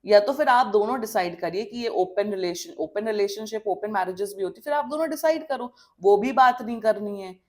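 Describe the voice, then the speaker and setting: A woman's voice: medium pitch, normal speed, few pauses, darkish tone. A woman from India giving a tarot reading, blunt and scolding with emphatic warnings, switching between Hindi and English mid-sentence. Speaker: tarot reader. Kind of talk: tarot reading monologue to camera.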